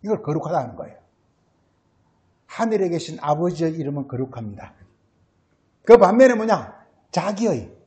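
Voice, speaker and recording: Delivering a Sunday sermon, this man has a high voice with a darkish tone. He keeps asking questions only to answer them himself, fills his speech with filler words, and often ends phrases with a brief tag word.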